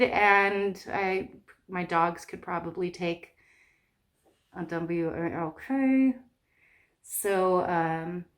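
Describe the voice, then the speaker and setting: A woman vlogging from her home in a casual, chatty way, rambling with lots of "like"s. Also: on the low side. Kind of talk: casual chat to camera.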